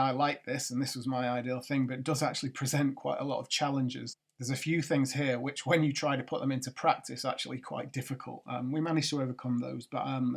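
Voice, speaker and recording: A man's voice: medium pitch, gravelly, husky. A middle-aged man, founder of a watch brand, talking casually over a screencast, rambling with many ums and restarts. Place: at a computer doing a screencast.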